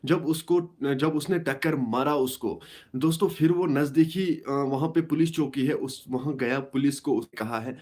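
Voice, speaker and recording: A young man hosting a casual live stream, talking in a halting way with many restarts and repeated phrases. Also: medium pitch, a little mellow. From Kashmir.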